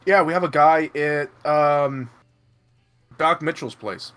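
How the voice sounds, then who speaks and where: A man's voice: a little high, a bit bright, soft background music. A man playing a hesitant, wary townsperson. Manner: hesitant, halting.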